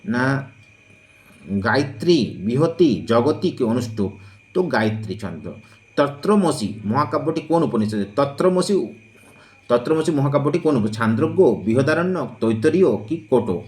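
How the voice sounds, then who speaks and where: A man leads an exam-prep lesson at an unhurried, measured pace. His mid-range voice draws out each quiz option before giving the answer, steady and methodical. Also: mid-range voice. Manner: slow, deliberate, drawn-out listing of options. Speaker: teacher.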